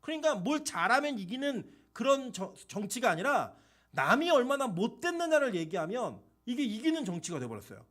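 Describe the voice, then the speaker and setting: A man preaching with a voice that sits high for a man and leaps up and down in pitch. His sermon is conversational and animated, throwing out questions to the congregation. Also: fairly quick. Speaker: pastor.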